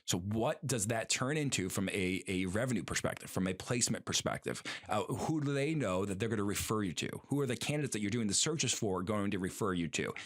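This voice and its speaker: Rambling low-voiced male podcast co-host. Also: lively intonation, fairly quick, few pauses. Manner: rambling, many fillers and restarts. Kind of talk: casual podcast chat.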